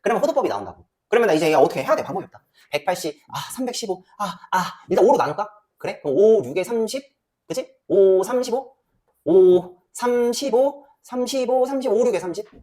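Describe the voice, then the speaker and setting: A woman teaching a math class, talking students through the steps with quick questions and muttering as she works out the numbers. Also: mid-range voice. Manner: lively, banmal with quick questions to students, muttering while calculating. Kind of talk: classroom lecture.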